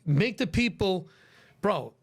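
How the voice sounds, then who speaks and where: This is a middle-aged man with a strong Brooklyn accent and a voice pitched a little higher than most men's. He talks casually, as a podcast guest would. His delivery is brash and emphatic, sprinkled with swearing. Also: animated, slow pace, husky. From Brooklyn, New York. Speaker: podcast guest, pizzeria owner.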